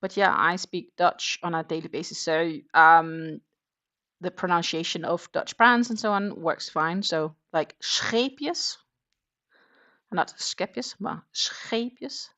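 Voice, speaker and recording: Speaking slowly with a sharp tone and a somewhat low voice, a Danish woman runs a relaxed crochet livestream. She chats while crocheting, reads out comments from viewers, and counts stitches aloud.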